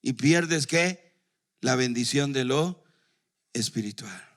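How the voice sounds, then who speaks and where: Forceful pastor preaching. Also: male voice, mid-range voice, expressive, slow pace. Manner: asks the congregation questions and leaves them to fill in the answers. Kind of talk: sermon.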